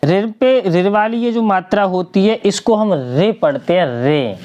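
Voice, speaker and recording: In a muffled recording, a woman with a medium-pitched, dark-toned voice and lively intonation leads an unhurried spelling lesson. She patiently draws each word out letter by letter and answers her own questions, like a slow classroom session.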